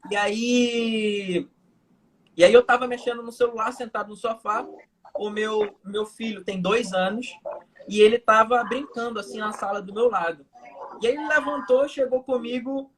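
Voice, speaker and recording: A young man with a very high, slightly bright voice and a Manaus Brazilian Portuguese accent appears as a hypnotherapist guest. During a casual live video-call chat, he tells everyday stories to explain what he means.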